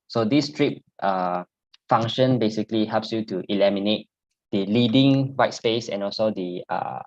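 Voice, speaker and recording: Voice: mid-range voice, darkish tone. Singlish-speaking instructor, dull lo-fi sound. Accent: Singaporean or Malaysian English. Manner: Singlish, ending phrases with "lah". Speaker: programming instructor. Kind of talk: informal technical tutorial, explaining step by step.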